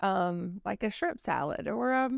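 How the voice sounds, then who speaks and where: A woman in her forties, a company executive guesting on a podcast, chatting casually in an animated way with plenty of fillers. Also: mid-range voice, a little slow, creaky, no room sound, studio quality. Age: 40s. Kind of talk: casual chat.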